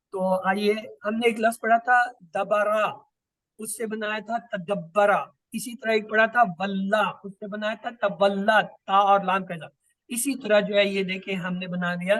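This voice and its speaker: A man's voice: high-pitched, a bit bright, dry recording. A man teaching a class, patiently explaining and repeating lists of words. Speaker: Quran grammar teacher. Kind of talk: online class lesson.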